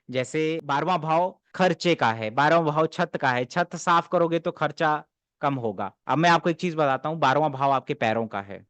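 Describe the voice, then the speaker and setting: A man teaching in an emphatic, corrective way, pausing on rhetorical questions. His voice sits a little high for a man. The sound is dry and close, with no room echo. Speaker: astrology teacher. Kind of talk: explanatory lecture.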